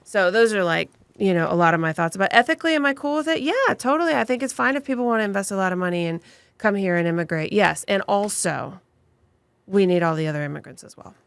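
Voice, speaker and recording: On a dry recording, this immigration attorney and law firm owner talks fast in a medium-pitched, expressive voice with vocal fry. As an interview guest, she answers with passionate emphasis and strings her points together into long lists.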